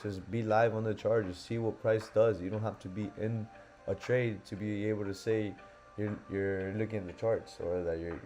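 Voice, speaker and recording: A young forex trader from Miami, USA, hosts a live stream in a mellow, low-ish voice. He talks casually and loosely, thinking aloud with plenty of fillers, while faint lo-fi music plays in the background.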